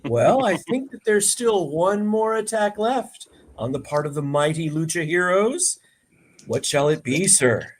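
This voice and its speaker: A man running a tabletop role-playing game as game master, cheering loudly at good rolls. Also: high-pitched, measured pace, slight background noise. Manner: excitable, whoops and cheers at hits.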